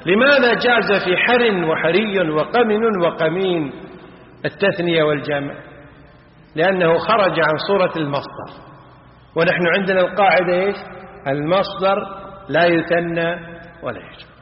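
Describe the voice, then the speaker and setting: Man, grammar teacher, high-pitched voice, quizzing questions, long hall reverb. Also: normal speed, pauses often. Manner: drills examples, quizzing students with questions. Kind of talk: classical Arabic grammar lesson. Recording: echoey hall, dull lo-fi sound.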